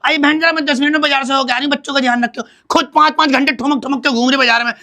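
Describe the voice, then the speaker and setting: A man playing a brash, bossy young woman who scolds her older sister loudly in a comic sketch. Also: extremely high pitch, steady tone, racing, exaggerated voice. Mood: ranting. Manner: loud, scolding, theatrical.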